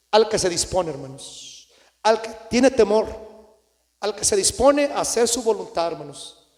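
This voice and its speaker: A man preaching an impassioned Pentecostal sermon, swinging between loud exclamations and low asides as he keeps addressing the congregation as brothers. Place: church sanctuary. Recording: echoey church hall.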